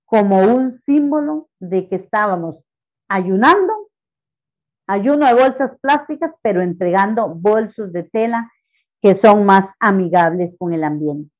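A woman pastor on a panel, calmly explaining her church's customs. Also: medium pitch, low-quality recording. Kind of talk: panel discussion.

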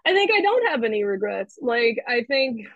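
A woman comedian chatting as a guest on a podcast, animated and laughing at her own jokes. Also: fairly high pitch, moderate pace, no room sound. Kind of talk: casual podcast chat. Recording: dull lo-fi podcast audio.

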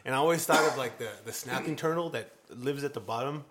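A man's voice: mid-range voice, fast, very noisy. A man from the Phoenix area chatting casually, hesitant and rambling with many fillers. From Phoenix area, Arizona. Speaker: beer club member. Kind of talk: casual group chat.

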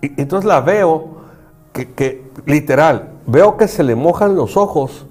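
A man's voice: fairly high pitch, expressive, slow pace, a little mellow, faint music behind. Earnest man explaining. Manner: earnest, explanatory, acts out dialogue. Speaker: psychology professor and guest. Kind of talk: conversational talk show.

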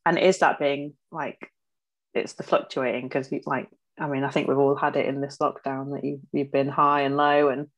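Low-voiced woman in her twenties, an open podcast guest who trails off. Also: level tone, normal speed. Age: 20s. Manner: open and self-deprecating, trailing off often. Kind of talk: casual chat.

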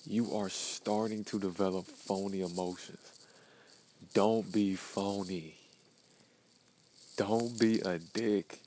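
Here an early-twenties man speaks in a low, slightly mellow voice, pepping himself up in a profane, blunt podcast monologue full of repeated phrases. A little hiss or hum can be heard.

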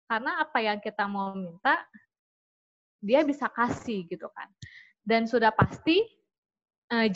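A woman's voice: on the high side, no room sound, highs cut off. A woman hosting a community session, casually telling a story to the group and asking them questions, with many fillers and restarts. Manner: chatty, with many "gitu kan" fillers and restarts.

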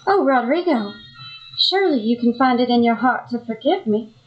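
A woman's voice: fairly high pitch, animated, normal speed, lo-fi sound, faint music behind, lightly acted. A woman voicing a scheming impostor wife in a parody soap opera, speaking in a melodramatic way. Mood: pleading. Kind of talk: parody radio soap acting.

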